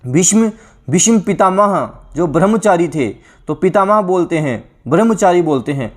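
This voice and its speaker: A man's voice: sits high, animated, normal speed. A male teacher giving an exam-prep lesson, repeating each word list aloud and asking and answering his own questions. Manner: repetitive, drilling word lists aloud.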